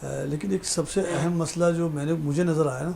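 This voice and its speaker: A man's voice: on the high side, fairly even intonation, gravelly, warm tone, slight background noise. A man on a TV panel judging young reciters, speaking reflectively and critically. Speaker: naat competition judge.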